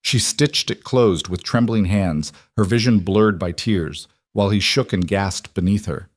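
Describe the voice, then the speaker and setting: A man reading a scripted frontier story in a steady, measured way. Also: lowish voice. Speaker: narrator.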